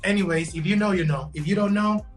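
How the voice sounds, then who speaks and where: A young Guatemalan raised in LA, working as a digital fashion designer, chats as a guest in a casual video-call interview, with faint music playing behind. He talks fast in a high-pitched voice, restarting sentences and tossing in "bro" and "man."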